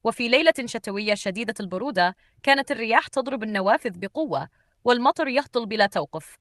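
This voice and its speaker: A woman narrating a scripted story in a calm, measured way. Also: fairly high pitch, no room sound, studio quality.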